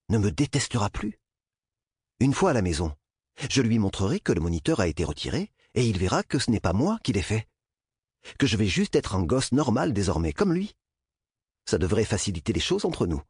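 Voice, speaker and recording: A man reading a novel aloud as narrator, with an expressive, dramatic delivery on a close studio mic. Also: on the low side, brisk, husky, dry recording. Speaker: audiobook narrator. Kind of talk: scripted narration.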